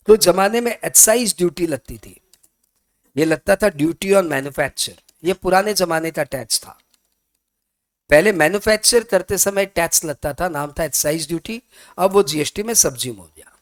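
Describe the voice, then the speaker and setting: A man's voice: high voice, lively intonation, normal speed. A man teaching tax in a chatty classroom lecture, asking his students questions and answering their imagined ones. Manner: chatty, mixes Hindi and English, asks students questions.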